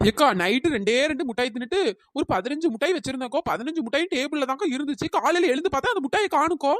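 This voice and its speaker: Rapid-fire, ranting young village woman, voiced by a woman, for a cartoon; high, indignant. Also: lively intonation, dry recording, clean studio sound. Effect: pitch-raised cartoon voice. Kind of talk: cartoon storytelling.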